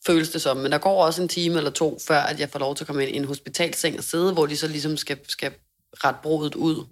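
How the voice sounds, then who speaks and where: A young woman with a low voice tells a story on a casual chat show. She is animated, swears freely and acts out what people said, sometimes loudly. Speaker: podcast co-host.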